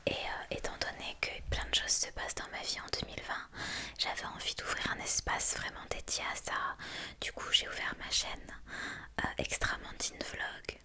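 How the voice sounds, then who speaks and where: A woman's voice: normal speed, sharp tone. Whispering young woman, intimate ASMR chat. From France. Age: young adult. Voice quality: breathy whisper. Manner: intimate, unscripted rambling addressed to one listener. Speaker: ASMR creator and vlogger.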